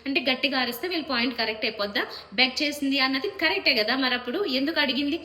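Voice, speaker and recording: A woman with a high, bright, sharp voice reviews a reality show at a rapid clip. She sounds indignant, asking one rhetorical question after another. The room gives her voice a noticeable echo. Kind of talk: opinionated review monologue.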